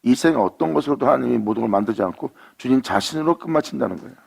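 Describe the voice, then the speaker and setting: Gravelly, husky-voiced preaching man. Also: medium pitch, lively intonation, darkish tone. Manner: rising to fervent declarations, slows to intone scripture. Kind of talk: sermon.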